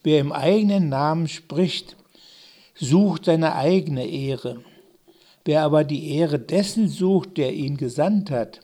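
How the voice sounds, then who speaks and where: A man reading the words of a calm, solemn male teacher in a slow, measured way, with long pauses. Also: a little high. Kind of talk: scripture reading.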